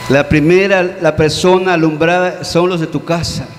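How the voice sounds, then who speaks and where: A man preaching a sermon as pastor, earnest and questioning, often dropping low and soft on key words. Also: steady tone, moderate pace. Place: church hall. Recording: long church-hall reverb with faint hum.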